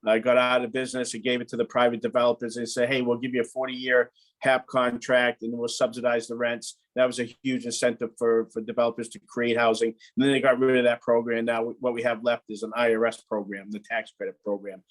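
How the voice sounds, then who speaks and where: A plain-spoken man speaks on a panel as a local housing official. His delivery is steady and direct, with a mild exasperation, at a middle pitch. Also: fairly quick. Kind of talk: panel discussion remarks.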